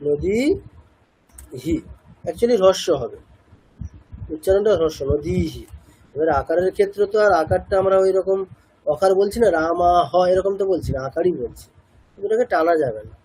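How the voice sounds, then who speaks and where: In a low-quality recording, an Indian man leads a patient lesson on chanting pronunciation, asking and then answering his own questions. He speaks quickly and animatedly in a high, slightly mellow voice with some breathiness.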